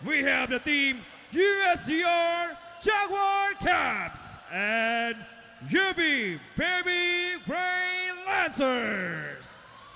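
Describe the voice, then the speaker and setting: A man working as an arena announcer, shouting hyped lineup calls with drawn-out names in the manner of a fighting game announcer. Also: very high voice, very animated, vocal fry, a little hiss or hum. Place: large indoor sports arena. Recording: echoey arena PA with music.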